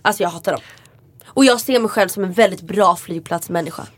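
Animated Swedish podcast woman, dry sound. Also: lowish voice, slightly rough, no echo. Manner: animated storyteller, acts out quotes. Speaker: podcast co-host. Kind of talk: casual chat.

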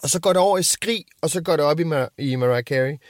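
A man's voice: a little high, no echo, studio quality. A man and father in casual chat, telling rambling anecdotes and swearing freely. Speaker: podcast co-host and father.

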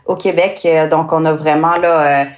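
Québécois woman with a low voice. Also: steady tone. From Quebec. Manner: hesitant, many filler sounds, drawn-out phrasing. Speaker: sports nutritionist guest. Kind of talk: casual podcast interview.

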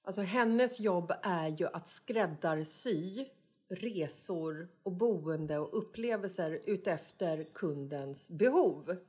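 A woman's voice: fairly low pitch, animated, warm tone, husky. A woman co-hosting a casual podcast, chatting in an easygoing way and drawing out her explanations. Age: adult, mother. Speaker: podcast co-host. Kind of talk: casual chat.

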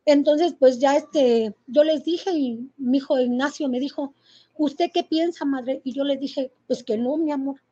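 High-voiced Mexican woman giving testimony. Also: steady tone, dark tone. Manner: halting and emotional, with many fillers and restarts. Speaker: interviewee. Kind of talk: personal testimony. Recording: muffled lo-fi recording.

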